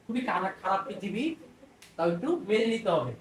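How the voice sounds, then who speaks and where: A woman's voice: mid-range voice, animated, brisk, recorded from a distance, slight background noise. A woman teaching physics in a chatty lecture with a Bangladeshi Bengali accent. She repeats phrases and asks and answers her own questions. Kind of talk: casual explanatory lecture. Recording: roomy echo, off-mic.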